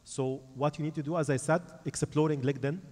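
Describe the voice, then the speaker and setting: A man's voice: fairly high pitch, steady tone, brisk, darkish tone. Man answering on a panel, echoey hall. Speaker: corporate panelist speaking for a tech company. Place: large conference hall. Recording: echoey hall with long reverb.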